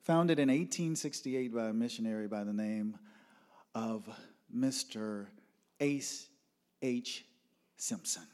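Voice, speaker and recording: A man's voice: mid-range voice, slow pace, pauses often, a little mellow. A man from Nashville, Tennessee, preaching a sermon as a guest speaker in a church, leading the congregation in prayer and telling stories with emphasis. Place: church sanctuary.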